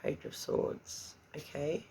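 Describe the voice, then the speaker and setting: A tarot reader, congested after an illness, gives a chatty pick-a-card reading and murmurs questions to spirit under her breath. Her voice is warm and slow, with slight background noise.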